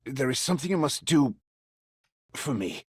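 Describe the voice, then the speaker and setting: A man voicing a scheming older government official in an anime game, measured and commanding. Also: mid-range voice, big pitch swings, breathy edge, no echo, studio quality. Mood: cold, scheming.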